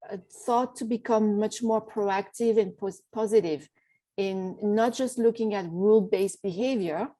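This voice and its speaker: Woman, mellow tone, measured and explanatory, video panel. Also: medium pitch, poor audio. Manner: measured and explanatory, with small restarts. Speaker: panelist from a development bank. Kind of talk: virtual panel discussion. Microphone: video call.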